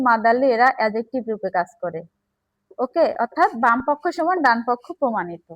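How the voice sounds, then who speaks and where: Teacher, woman, high voice, patient step-by-step classroom explaining. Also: dull audio. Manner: explains step by step, checks with "okay?". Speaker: English teacher. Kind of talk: classroom grammar lesson.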